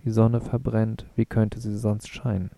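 A male narrator voicing a thoughtful, earnest adult man, speaking in a calm, musing way in an audiobook reading. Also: lowish voice, measured pace, gravelly, dry recording. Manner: calm, musing, philosophical speech.

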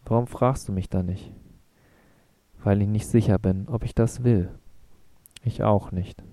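A man's voice: on the low side, steady tone, a little slow, warm tone, dry recording. A man voicing a blunt, frank young woman on a hike, read in an audiobook in a plain, direct way. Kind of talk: audiobook reading.

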